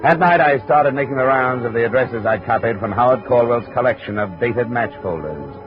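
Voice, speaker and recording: An American man plays a dry, businesslike private investigator narrating his case in a 1950s radio detective drama, acting as lead and narrator. His mid-range voice is a little fast, clipped, matter-of-fact, and lightly acted in this scripted narration. The old recording is muffled and tinny, with music behind.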